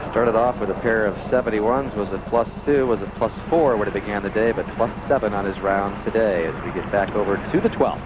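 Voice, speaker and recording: A man announcing live golf commentary, reporting scores in measured short phrases. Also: lowish voice, background noise. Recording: loud outdoor drone behind the voice.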